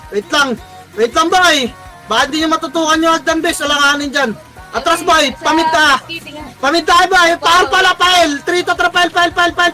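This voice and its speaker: A Filipino man calling commands to his team during an online game, barking quick orders and swearing often. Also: very high-pitched, bright, forceful tone. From Philippines. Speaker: team shotcaller. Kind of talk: live game commentary and team calls.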